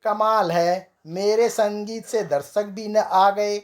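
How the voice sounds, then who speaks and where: A narrator voices a bumbling village inventor man, grinning and proud of every failed idea. His voice jumps up high and excited, words stretched out slowly, told as a comic storybook tale. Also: lightly acted. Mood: boastful.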